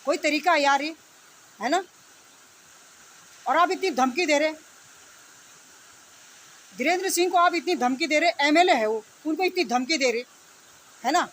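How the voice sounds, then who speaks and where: A woman's voice: high-pitched, unhurried, pauses often. A woman delivering an unscripted, indignant rant, scolding and confronting her opponents with repeated phrases and rhetorical questions. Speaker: online video commentator. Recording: steady background noise.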